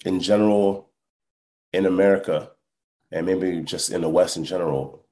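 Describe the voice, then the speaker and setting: On a relaxed podcast, the interview guest is a hip hop musician with a deep voice. Born in France, he has lived in Canada and Texas and comes from a Congolese family. His answers come slowly and thoughtfully, with pauses, and he keeps checking that you're following.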